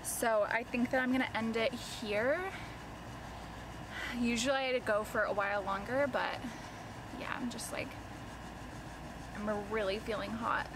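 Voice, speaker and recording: A woman talks casually to her camera, narrating her workout step by step, her voice a little high and sometimes short of breath. She is recorded outdoors on a basketball court. The camera sits some way off, so she sounds distant over steady background noise. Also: a little slow, pauses often. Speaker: vlogger. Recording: distant mic, noisy outdoor ambience.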